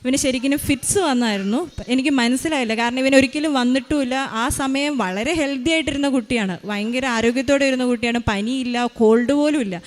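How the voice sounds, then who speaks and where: A woman's voice: sits high, fast talker, few pauses. A woman in her thirties giving a spoken faith testimony as a mother, retelling events earnestly with many hesitations.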